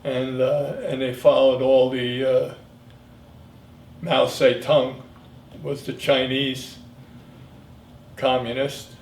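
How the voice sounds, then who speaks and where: Older male veteran, 70s, gravelly voice, halting and reflective as he remembers his service, recorded off-mic in an echoey room. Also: mid-range voice, flat delivery, a little mellow. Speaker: Vietnam veteran being interviewed. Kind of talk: reminiscing in an interview. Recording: echoey room, distant mic, faint noise.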